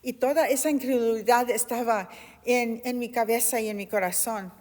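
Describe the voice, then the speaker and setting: A woman's voice: a little high, steady tone, moderate pace, darkish tone. A woman in her fifties preaching a sermon and giving an earnest, impassioned personal testimony. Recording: long hall reverb.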